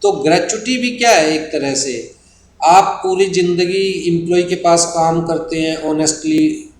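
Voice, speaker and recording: An Indian man with a fairly high voice explains terms patiently, slowing down for definitions. He sounds like a teacher giving a recorded lecture. The recording has a roomy echo and a faint hiss behind him. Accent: Indian English. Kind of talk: recorded exam-prep lecture. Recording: echoey room with faint hiss.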